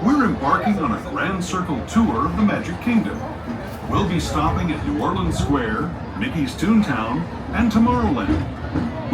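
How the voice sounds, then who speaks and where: A man giving a scripted ride narration with lively, theatrical delivery, played over outdoor train loudspeakers. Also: on the high side, very noisy. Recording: distant loudspeaker with loud music.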